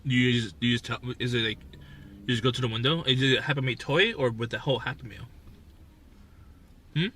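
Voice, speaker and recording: Bright-voiced man eating on stream. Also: medium pitch, fairly quick, pauses often. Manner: talks with his mouth full, relaxed and offhand. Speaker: livestream host. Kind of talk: casual live-stream chat while eating. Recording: distant mic with faint background noise.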